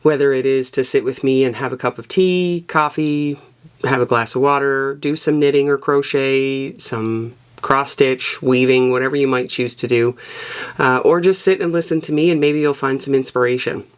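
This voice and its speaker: At a normal pace, a woman with a very deep, raspy voice runs a casual knitting vlog as its podcast host. Her talk is relaxed and wandering, sprinkled with fillers, and captured on an external microphone.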